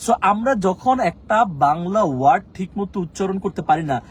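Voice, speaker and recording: A man teaching an English lesson in an earnest, motivational way, slowing down and repeating short English phrases for emphasis. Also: sits high, animated, breathy edge. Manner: mixes slow emphatic English into fast talk.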